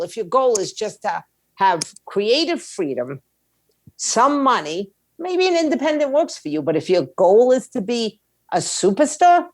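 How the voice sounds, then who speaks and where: Slangy and opinionated, an indie label owner who also works as a music industry attorney answers interview questions bluntly and emphatically, tossing in rhetorical questions. Her slightly high voice comes through in a dry, clean studio recording.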